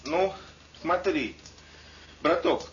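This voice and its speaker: An actor playing a dazed, meek army lieutenant who pleads mildly and rambles. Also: male voice, fairly high pitch, drawn-out words, distant mic. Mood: mild, rambling. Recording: echoey lo-fi room with clear noise.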